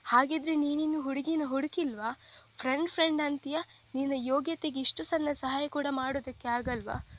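A woman's voice: high-pitched, steady tone, normal speed, a bit bright, highs cut off. A woman voicing an impatient, demanding young man who talks bluntly to his friend in a storybook reading.

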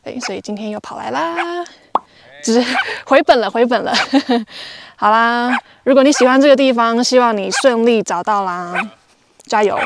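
A young woman vlogging her travels talks casually through clues outdoors in desert badlands, wearing a lapel mic. Her voice is a little high and creaky, moving at a moderate pace.

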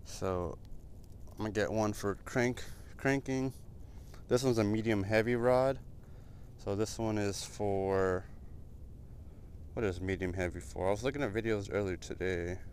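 A laid-back American man in his twenties rambles to camera for his vlog, his low-ish, slightly mellow voice a little slow and full of pauses. He moves between a small car and open parking lots, captured by an action camera at arm's length or mounted, with noisy car and outdoor background.

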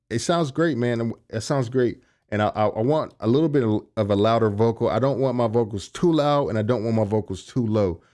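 A young music producer and engineer with a low voice casually walks through his home-studio vocal recording setup, speaking into a large condenser mic on a stand. It's a relaxed, conversational tutorial, full of fillers like "you know what I'm saying".

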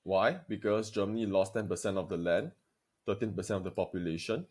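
A male secondary school history teacher, giving a recorded video lesson in a deliberate, emphatic lecturing manner and speaking directly to his students. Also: low-pitched, steady tone, darkish tone, slightly rough.

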